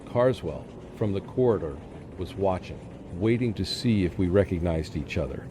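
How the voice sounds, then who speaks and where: An actor plays the narrating lead in a radio drama, a tormented, fearful male professor under a deadly curse, recounting his own story in the first person with an anguished, halting delivery. His voice is low with lively intonation. Prominent music runs under the voice against a noisy background, creating tense suspense.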